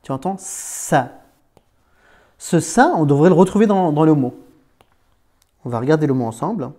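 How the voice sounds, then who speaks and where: A guy teaches reading step by step in a mellow, low-key tone with lively intonation, speaking right to one learner as "tu." The Arabic lesson is patient and informal; he checks in with "d'accord?" and slows down, stretching sounds out.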